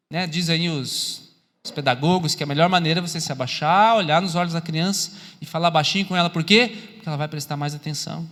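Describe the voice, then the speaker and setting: A man preaching a sermon with a Brazilian Portuguese accent, talking to his congregation in a conversational way and dropping to a hushed voice at times. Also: on the high side. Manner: conversational preaching, addresses listeners as "querido"; drops to soft hushed voice for God whispering. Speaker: pastor. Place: church hall. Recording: long church-hall reverb.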